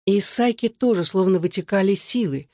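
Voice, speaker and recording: A woman reading an audiobook story in a calm, even voice. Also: medium pitch, fairly quick, no room sound, studio quality. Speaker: narrator. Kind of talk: audiobook narration.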